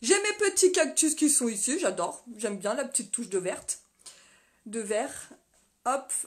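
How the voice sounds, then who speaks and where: A woman's voice: on the high side, sing-song, measured pace. A woman vlogger chatting casually on a live stream from her small home office, rambling with many fillers and laughing often. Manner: laughs often, reads viewer comments aloud. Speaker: vlogger hosting a live video. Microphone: phone mounted on a stand.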